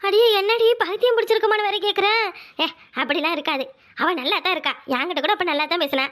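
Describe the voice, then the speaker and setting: A performer voicing a blunt older sister-in-law who scolds and mocks in a lower tone. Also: fast, fairly bright tone. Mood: dismissive. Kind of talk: Tamil family drama voiceover.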